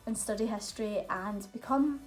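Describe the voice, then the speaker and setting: This young female vlogger answers questions casually, chatting and storytelling openly with frequent fillers. She speaks at medium pitch and normal speed over soft background music, though the audio is poor.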